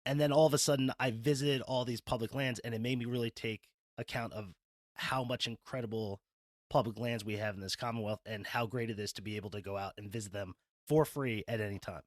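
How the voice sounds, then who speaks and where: A man's voice: medium pitch, steady tone, fairly quick, no room sound, clean studio sound. A man from New Jersey hosting a conversation, talking with enthusiasm about his travels. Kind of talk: casual conversation.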